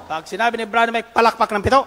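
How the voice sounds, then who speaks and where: A male preacher works the congregation with emphatic, call-and-response preaching. His voice sits high for a man, and it rings through a large hall with long reverb. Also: fairly even intonation, rapid-fire, loud music behind the voice, over a noisy crowd.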